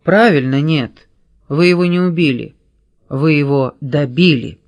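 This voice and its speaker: A man reading a sharp-witted male private detective in an audiobook, pressing a suspect with sarcastic questions. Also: a little high, a little slow, no echo, lightly acted.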